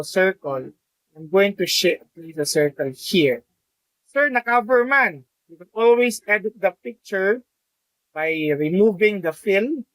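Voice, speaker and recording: A man's voice: high voice, a bit bright, no echo, low-quality recording. Man, Filipino accent, tutorial walkthrough, hesitant fillers, dry close sound. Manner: explanatory, frequent fillers and restarts, mixes in Tagalog. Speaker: math teacher educator. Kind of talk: screen-recorded software tutorial.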